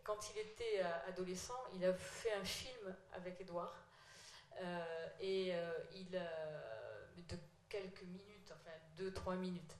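A woman's voice: on the low side, a little slow, a little hiss or hum. Hesitant middle-aged woman, echoey room. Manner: hesitant, many fillers and apologies. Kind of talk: casual chat.

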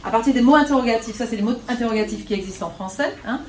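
A woman's voice: a little high, rapid-fire, a little mellow. A woman teaching a French class, patient, and checking in with her students often. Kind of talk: classroom lesson. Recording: roomy classroom recorded from a distance.

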